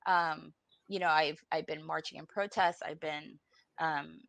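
Here a woman in her forties from Puerto Rico speaks low, with fairly even intonation, a measured pace, vocal fry and a fairly bright tone, on a dry recording. A podcast guest calling in by video from a room at home, she's blunt, informal and salty in candid panel talk, weary and emotionally exhausted.

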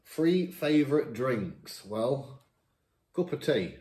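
A 51-year-old YouTuber from Lincolnshire, England holds a casual Q&A at his dining table, reading questions aloud and answering chattily with laughs at his own expense. His mellow, medium-pitched voice is very animated but slow-paced. A camera across the table records him, and the room echoes.

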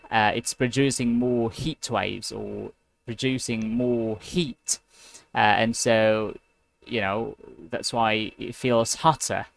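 A man tutoring English one-on-one over a video call, talking slowly and patiently with many fillers. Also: mid-range voice, vocal fry, a bit bright, no room sound. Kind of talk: one-on-one class conversation. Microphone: computer mic on a video call.

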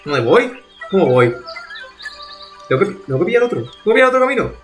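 A man with a high, widely swinging voice talks a little fast over faint background music. He's livestreaming a video game, muttering to himself in exasperated bursts and swearing as he plays through live gameplay commentary.

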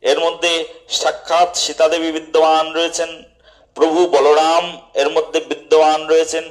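A male preacher giving a devotional sermon, often putting questions to his listeners and answering them himself, with key words drawn out slowly. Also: on the high side, monotone.

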